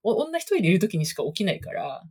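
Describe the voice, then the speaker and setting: A young adult woman co-hosting a podcast, telling stories in a chatty way with quick asides. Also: fairly low pitch, big pitch swings, a little mellow, slightly rough. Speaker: podcast co-host. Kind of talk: casual chat.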